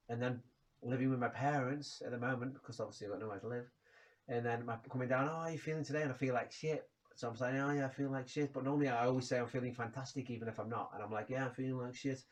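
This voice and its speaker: Bloke ranting to camera, loose and frank, sounds a bit distant from the mic. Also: male voice, mid-range voice. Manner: rambling, frank, swears casually. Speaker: vlogger. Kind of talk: casual personal rant to camera.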